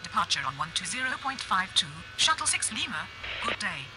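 A woman voicing a female airline pilot who reads back tower clearances in steady radio procedure. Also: mid-range voice, a little fast, music in the background, lightly acted, low-quality recording. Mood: procedural. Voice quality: even radio-procedure delivery.

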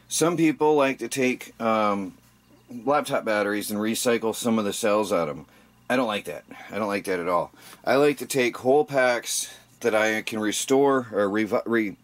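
A man's voice: medium pitch, fairly bright tone. Man chatting casually over his workbench. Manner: chatty, explanatory, with frequent ums and restarts. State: tired. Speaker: DIY channel host. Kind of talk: casual how-to vlog. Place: indoor workshop bench by a window.

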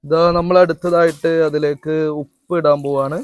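A man's voice: on the high side, level tone, normal speed, a little mellow, no echo. Man, casual vlog narration, chatty, outdoors, dry sound. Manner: chatty, talks straight to viewers, teasing asides. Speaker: family vlogger cooking. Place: outdoors behind a house.

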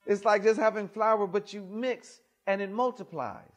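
A middle-aged male pastor preaching from a pulpit in a small church, his voice sitting high for a man. He reads scripture and explains it in an animated way, rising loud and dropping to near quiet. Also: normal speed. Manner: animated, expressive, loud and soft swings. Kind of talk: sermon with gospel reading. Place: small church sanctuary, indoors.

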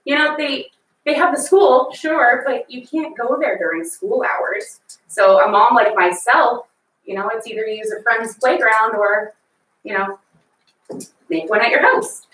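A woman's voice: on the high side, a little slow, fairly bright tone. A woman in her thirties, presenting a community park plan at a small town board meeting in a chatty, enthusiastic way. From Lebanon area, USA. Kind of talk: public comment presentation. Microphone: far room camera. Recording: echoey room from far off, noise.

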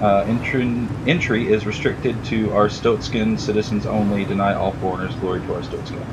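A man casually commenting as he plays a game for the first time, chatty and sarcastic, reading on-screen text aloud on a low-quality home mic. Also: steady tone, normal speed, background noise. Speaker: gaming YouTuber. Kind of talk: casual let's-play commentary. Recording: loud game music behind.

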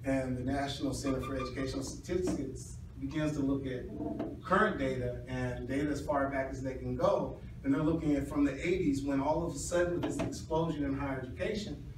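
Recorded by a camera or phone across a small university classroom, the audio is echoey, distant and noisy. A middle-aged man defending his doctorate answers questions in a steady, medium-pitched voice. His academic explanation comes out hedging and halting, with restarts.

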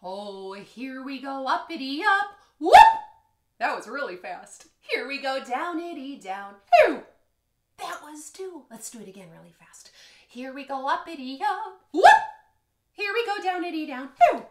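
A music teacher in her thirties leads a children's lesson from her living room in a playful, sing-song way. Her high voice is very animated and measured in pace, picked up by a camera across the echoey room.

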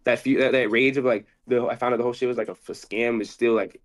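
A man's voice: medium pitch, steady tone. A man being interviewed, telling a rambling story with lots of cursing and restarts. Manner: rapid, cursing, restarts often. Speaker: interview guest.

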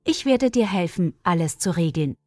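A woman's voice: on the low side, lively intonation, moderate pace, a little mellow, no echo, clean studio sound, soft background music. Fiery, protective young friend, voiced by a woman reader. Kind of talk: storybook reading.

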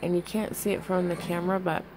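A woman's voice: on the low side, little pitch movement, fast, noisy background. Woman talking with finger in mouth. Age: 30s. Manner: hesitant, many ums, repeats words. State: speaking with a finger in her mouth. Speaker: vlogger. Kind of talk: casual personal vlog.

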